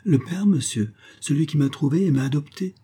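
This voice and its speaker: A man reading aloud and voicing an eager, quick-talking little foundling boy in a storybook. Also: on the high side, dark tone, breathy edge, voice pushed up. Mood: excited.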